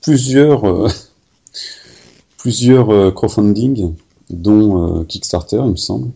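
A man with a Parisian French accent and a gravelly, husky voice, interviewing someone in a conversational way. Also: fairly low pitch, slow, dark tone.

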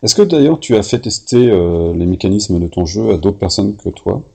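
A man with a Parisian French accent and a gravelly, husky voice, interviewing someone in a conversational way. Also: fairly low pitch, lively intonation, moderate pace, dark tone.

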